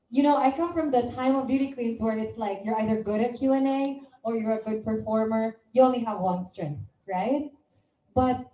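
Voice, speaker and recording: A woman's voice: fairly high pitch, dark tone. A woman, a former beauty queen, gives an effusive, emotional tribute speech at an event and slips in Tagalog phrases. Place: event venue. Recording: echoey hall, slightly dull sound.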